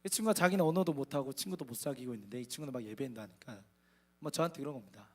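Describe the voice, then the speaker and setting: A man's voice: mid-range voice, racing. A man in his thirties preaching a sermon as a missionary, telling his story with humor and acting out the dialogue, often laughing. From Korea.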